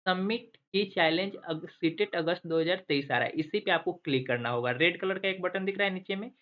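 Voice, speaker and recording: This channel host's voice sits high, and he speaks a little fast. Teaching an online class, he guides viewers step by step through a screen tutorial, quizzing himself and repeating the answers like a teacher, all captured in a dull lo-fi recording.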